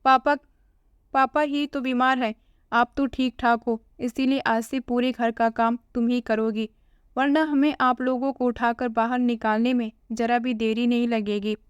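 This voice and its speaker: A contemptuous young daughter-in-law snaps cutting retorts, as a woman storyteller puts her on. The voice sits fairly high and smooth, heard through a dull, dry lo-fi recording. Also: fairly even intonation, measured pace, no echo, lightly acted. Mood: scornful.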